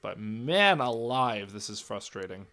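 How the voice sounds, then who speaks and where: A hoarse young man, raspy and cracking, casually calls the game live and reacts to it, shifting from loud calls to low muttering; he's expressive and a little slow.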